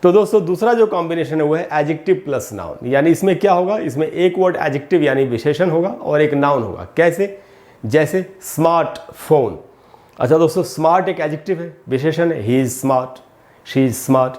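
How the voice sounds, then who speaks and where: A man's voice: on the high side, a little mellow. A man teaching English grammar to viewers in Hindi, explaining patiently and repeating each term, and he addresses the audience as friends again and again.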